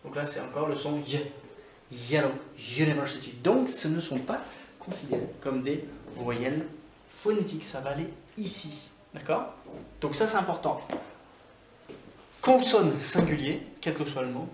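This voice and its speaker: A man, teaching English grammar to learners in a relaxed way. He repeats the example words slowly and thinks aloud with fillers. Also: on the high side, echoey room, a little hiss or hum.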